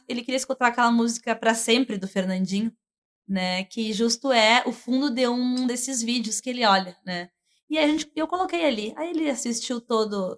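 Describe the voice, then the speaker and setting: Earnest woman sharing testimony. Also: on the high side. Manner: earnest, emotional storytelling with many fillers. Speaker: church minister, worship leader. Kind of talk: conversational testimony.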